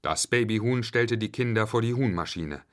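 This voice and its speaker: A man telling a home-made children's story, reading it slowly and expressively. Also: lowish voice. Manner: slow, expressive.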